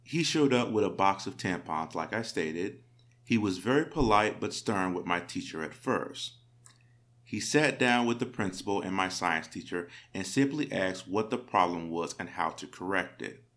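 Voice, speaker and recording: A man narrating stories read from the internet in a steady, measured way. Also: sits low. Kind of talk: reading internet stories aloud.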